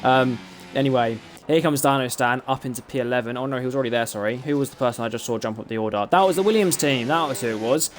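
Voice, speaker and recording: A man with an Essex accent gives live commentary on an online racing league, chatty and often stumbling over names before correcting himself. His mid-range voice is fast, with faint music playing behind.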